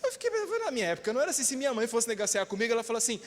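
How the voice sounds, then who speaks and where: A very animated male pastor with a Brazilian Portuguese accent preaches rapid-fire in a very high voice. His emphatic sermon includes calls for amens and acted-out quoted voices, echoing around a reverberant church hall.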